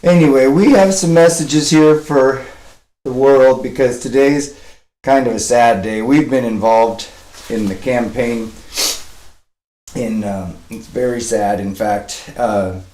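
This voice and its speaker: A man's voice: medium pitch, slow pace, warm tone, reverberant, slight background noise. A man talking casually on a live stream, cooing over a puppy and rambling with fillers, a bit sniffly. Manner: coos and baby-talks to a puppy. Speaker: dog rescuer live-streaming.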